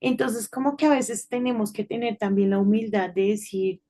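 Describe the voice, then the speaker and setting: A middle-aged woman giving an informal devotional talk to children, telling a story in a chatty way and often checking in with a quick "right?". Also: medium pitch, warm tone. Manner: chatty storytelling with frequent tag questions.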